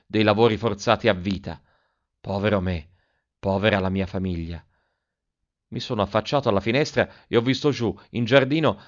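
A man reads a first-person story aloud in a fairly low voice, leaning expressively into the telling. The recording sounds dull and lo-fi, with the top end muffled. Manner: expressive, acting out quoted lines. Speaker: audiobook narrator.

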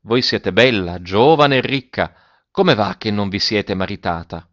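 Man playing a cold cynical marquis in his forties, low voice, detached, dull dry recording. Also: expressive, measured pace, a bit bright, no room sound. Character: cynical forty-year-old marquis, cold and bitter.

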